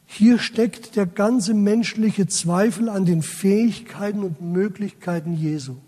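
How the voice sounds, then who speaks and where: A man's voice: high-pitched, unhurried, mellow, husky, big-room sound. A man preaching a sermon, speaking straight to his congregation and reading scripture aloud with dramatic weight. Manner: addresses the congregation directly, quotes scripture dramatically.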